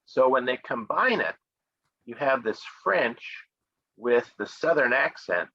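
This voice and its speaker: Over a video call, an online English conversation club hears a casual talk on travel spots from a middle-aged man from the United States. His mid-range voice takes things slowly, clear and friendly, with laughs and fillers, in dull lo-fi audio with no echo.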